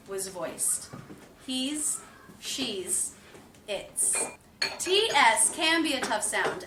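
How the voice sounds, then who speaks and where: A woman pronunciation teacher narrating a recorded lesson, drilling sounds by repeating them. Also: on the high side. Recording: roomy and distant with faint noise.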